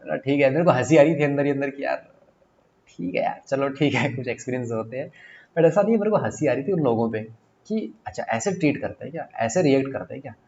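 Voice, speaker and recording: A man's voice: mid-range voice, expressive, quick pace, creaky, darkish tone. A young man, an exam coaching teacher, talking casually in an online class, telling stories and repeating himself as he explains. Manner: chatty storytelling, mixing English phrases, repeats himself. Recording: slightly dull audio with faint noise.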